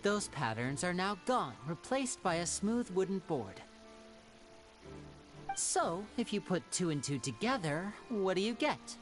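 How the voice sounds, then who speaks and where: Over game music, a man voices a courteous, theatrical young stage magician in a game cutscene. His high, sing-song delivery is a little slow, smooth and teasing, with a suave mood.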